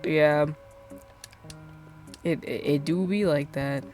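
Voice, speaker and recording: A woman's voice: low-pitched, slow pace, a little mellow, soft background music. A young adult woman streaming a game, chatting casually and rambling with lots of fillers. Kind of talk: casual chat while gaming.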